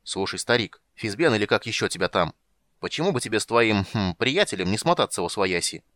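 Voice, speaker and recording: An exasperated half-elf leader who loses his temper and shouts orders, as a male reader puts him on. The voice is fairly low. The sound is dry and close, in the manner of an audiobook. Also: big pitch swings, fairly quick, no echo.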